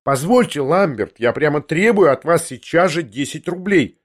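A man's voice: on the high side, expressive, moderate pace. A man voicing a pampered, petulant young man who answers sulkily and flares up. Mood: indignant. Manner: sulky, then sharply indignant.

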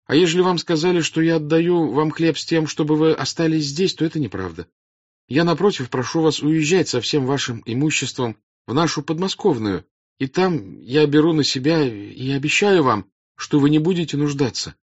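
A man's voice: expressive, normal speed, no room sound, dull audio. A man voicing an anxious, pleading young noblewoman. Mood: earnest pleading. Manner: high, raised, urgent pleading. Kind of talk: audiobook character reading.

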